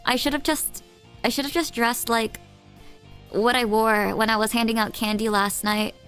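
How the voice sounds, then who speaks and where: A woman's voice: on the high side, steady tone, normal speed, a bit bright, clear, resonant tone, soft background music. A woman hosting a live stream, chatting casually with viewers in a giggly, rambling, self-teasing way.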